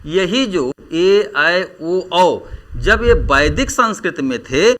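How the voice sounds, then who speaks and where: A man teaching Hindi grammar in a lecture, drawing out vowels slowly as he demonstrates them. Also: sits high, expressive, a bit bright. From India. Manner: slow, drawn-out vowel demonstrations. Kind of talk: classroom lecture.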